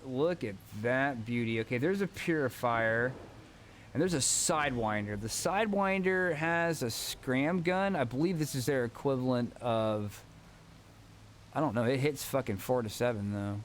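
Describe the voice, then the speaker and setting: A man's voice: mid-range voice, normal speed, slight background noise. Rambling, profane gaming streamer man. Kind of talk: casual gameplay commentary.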